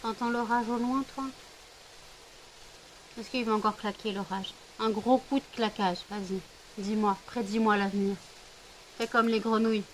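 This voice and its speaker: A woman's voice: medium pitch, steady tone, moderate pace, long pauses, slight background noise, poor audio. A middle-aged woman vlogging casually from home, chatting to viewers and cooing baby talk to her scared pets while rain is heard outside.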